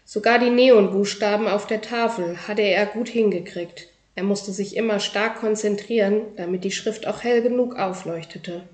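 A woman narrating a children's book in a lively, expressive storytelling manner. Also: medium pitch, moderate pace, hardly any pauses. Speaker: audiobook reader. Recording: roomy echo.

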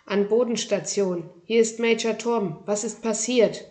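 A woman's voice: mid-range voice, measured pace, mellow, natural voice. Earnest young boy astronaut from a children's story, a woman reading him.

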